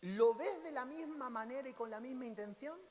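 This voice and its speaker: Un pastor con acento de España que predica contando historias con humor y gritos repentinos. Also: male voice, very high-pitched, a little fast. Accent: Spain Spanish. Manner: storytelling, sudden loud cries and laughs. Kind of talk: lively sermon with jokes. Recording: long hall reverb, faint hiss.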